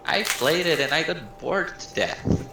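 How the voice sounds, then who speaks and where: A man's voice: fairly high pitch, measured pace. A man teasing his friend in a casual argument, dismissive and mocking. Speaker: streamer's friend. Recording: roomy, noisy, off-mic.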